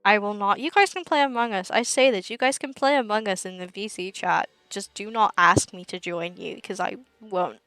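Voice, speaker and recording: A woman's voice: medium pitch, moderate pace, hardly any pauses, a bit bright, smooth, no room sound, soft background music, rough recording. A young woman livestreaming and chatting casually with viewers, giggly and rambling, often laughing mid-sentence.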